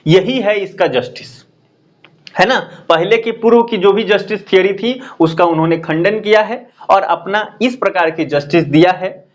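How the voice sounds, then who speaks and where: A man delivers an exam-prep lecture in a fairly high voice. He repeats key terms and checks in with his students often. The sound is dull and lo-fi. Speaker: teacher.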